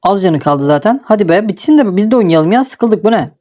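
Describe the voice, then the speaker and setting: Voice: mid-range voice, animated, fairly quick, mellow, highs cut off. A young adult host casually commenting on a game he is playing, teasing and laughing often. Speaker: gaming video host.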